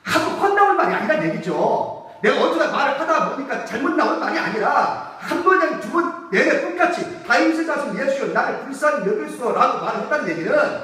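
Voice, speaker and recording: High-voiced male pastor in an echoey hall. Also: very animated, brisk, bright, forceful tone. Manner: emphatic preaching with rhetorical questions to the congregation. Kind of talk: sermon. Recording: echoey church hall from far off.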